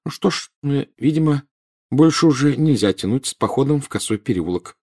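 A man's voice: medium pitch, lively intonation, fast talker, a little mellow, no echo, clean studio sound, natural voice. A man voicing a stern, anxious wizard mother who scolds her son. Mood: weary. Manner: scolding, clipped.

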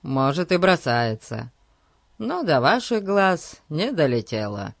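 A man reading the part of a confident teenage boy detective who speaks calmly, with a sarcastic edge. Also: medium pitch, a little slow, no room sound. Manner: calm, sarcastic.

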